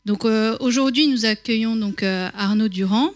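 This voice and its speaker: This woman, a conference organizer, speaks at a moderate pace in a fairly high voice as she introduces the speaker for a public lecture. Her delivery is halting, marked by frequent fillers and false starts.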